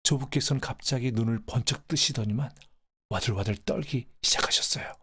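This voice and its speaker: A man reading a short story aloud as an audiobook narrator, measured and even. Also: mid-range voice, slightly rough. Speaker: audiobook reader.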